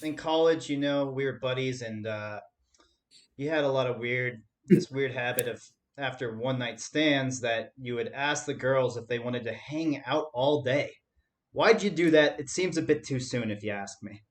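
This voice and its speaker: A man's voice: medium pitch, normal speed. Joking young man co-hosting a podcast. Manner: joking, laughs often. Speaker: podcast co-host. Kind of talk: casual comedic chat.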